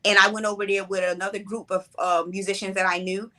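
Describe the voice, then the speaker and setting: A playwright and director in her forties answers interview questions, relaxed, reflective and conversational. Her voice is mid-range and her pace quick.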